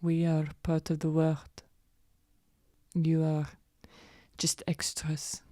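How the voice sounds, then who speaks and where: A woman playing a smug, haughty elemental being in a tabletop game, deadpan and self-satisfied. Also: deep voice, takes it slowly, dry recording, clean studio sound. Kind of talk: tabletop role-play in character.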